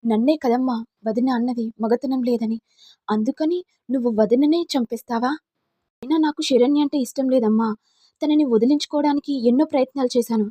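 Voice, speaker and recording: A woman's voice: sits high, steady tone, fairly quick, dark tone, no echo. A woman voicing a hurt young man who reproaches his mother. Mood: reproachful.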